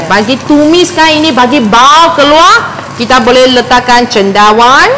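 A woman with a Malaysian Chinese accent giving a casual cooking demonstration in simple, halting phrases. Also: sits high, animated, sharp tone. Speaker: cooking show host demonstrating a recipe. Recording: sizzling, frying kitchen noise.

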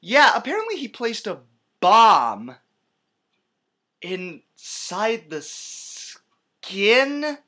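A man's voice: high voice, huge pitch swings, drawn-out words, pauses often, pushed and bright. A young man giving a profane, scornful movie-review rant, shifting between mutters and outbursts. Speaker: vlogger.

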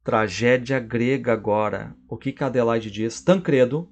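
A man with a Brazilian Portuguese accent, a literature teacher, who retells a novel's scenes in a lecture and reads quoted lines with lively emphasis. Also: medium pitch, normal speed. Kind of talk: lecture with dramatic readings.

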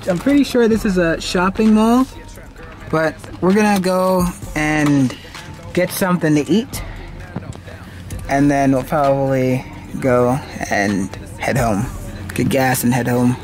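A man's voice: a little high, a little mellow. A young man from Canada chatting offhand and teasing as he vlogs a trip into a handheld camera. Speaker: vlogger. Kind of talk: casual vlog narration. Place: stores, car and shopping mall.

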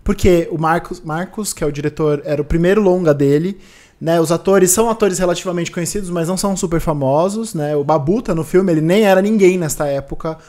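Man, podcast co-host, casual film chat, rapid pace, higher voice. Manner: quick, animated retelling with acted quotes.

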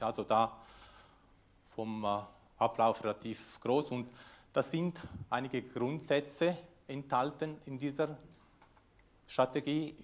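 A Swiss man whose first language is Italian gives a conference presentation in a lecture room with an audience, speaking into a lectern microphone. His voice is mid-range, and his delivery is loose and hesitant, full of fillers.

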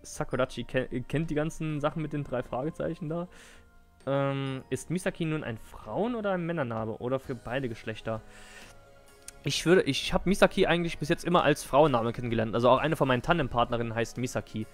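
A man in his twenties streaming a game, chatting casually in soft, rambling asides with restarts. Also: medium pitch, fairly quick, soft background music. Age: 20s. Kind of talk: casual live-stream chat.

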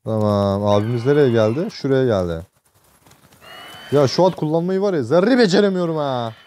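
A young man from Turkey giving casual, excitable gameplay commentary, joking and swearing at the game from a desk mic at home. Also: mid-range voice, moderate pace, a little hiss or hum. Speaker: gameplay streamer.

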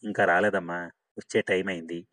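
A man giving voice to a caring older house servant from a novel, deferential and gentle, in a low male voice. He speaks with quiet concern. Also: level tone, fairly quick.

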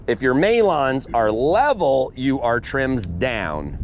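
Teaching a paramotor class outdoors on a sandy beach, a man explains the gear emphatically with punchy asides, recorded through a head-mounted camera mic. His mid-range voice is sing-song and slow-paced, with slight background noise.

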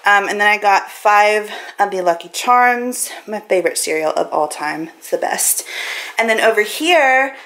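An animated woman in her thirties with an American accent rambles informally through a grocery haul while filming indoors in her home kitchen. Her mid-range voice is a bit bright and her pace measured, recorded on a camera mic held at arm's length.

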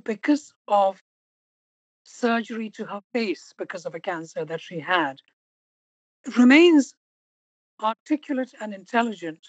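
A woman hosting an interview podcast, talking reflectively and stressing single words slowly for emphasis. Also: fairly high pitch, husky, dry recording, muffled recording. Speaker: podcast host.

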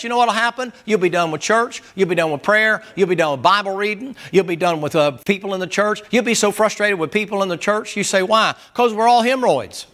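A man's voice: sits high, fairly bright tone. A man preaching a Sunday school sermon in a folksy, joking and emphatic way.

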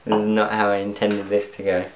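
With a fairly low pitch and a completely flat delivery, a young man talks fairly quickly as he cooks at home and chats to viewers, laughing at his mistakes. It's casual cooking commentary from a vlogger. The echoey kitchen has faint pan clatter and a little hiss or hum.

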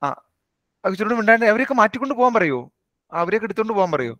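A man teaching a live online maths class, briskly quizzing and coaxing students by name. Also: high voice, very animated, a bit bright.

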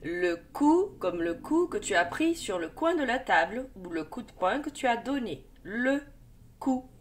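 Speaking a little slowly in a sing-song, higher-pitched voice, this woman is a primary school teacher. She leads a first-grade reading lesson, carefully sounding out every letter and syllable for young children while encouraging the child.

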